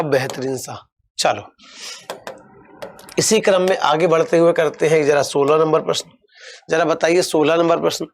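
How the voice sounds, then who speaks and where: A young man teaching an online exam-prep class, coaxing his students and repeating words slowly. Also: on the high side.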